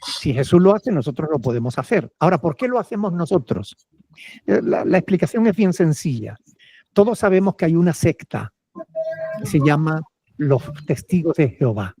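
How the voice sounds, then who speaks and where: Male Peruvian pastor, teacherly Q&A answers, warm dark tone, dry close sound. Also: on the high side, big pitch swings, normal speed, slightly rough, no room sound. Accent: Peruvian Spanish. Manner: explanatory, often checks with "¿ok?". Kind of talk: answering questions in a church Q&A.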